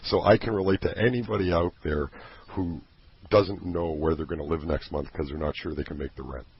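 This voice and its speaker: Super deep husky guy talking up his own program, earnest and rambly, muffled lo-fi sound. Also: a little fast. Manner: earnest, passionate, rambling with restarts. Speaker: product creator promoting his program. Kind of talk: casual promotional chat. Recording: dull lo-fi recording.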